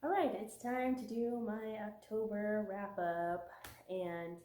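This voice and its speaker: Taking it slowly in a warm, medium-pitched voice with fairly even intonation, a young book vlogger recovering from a cold talks casually about her month of reading. Her voice is worn and giving out, fillers are frequent, and the sound is roomy.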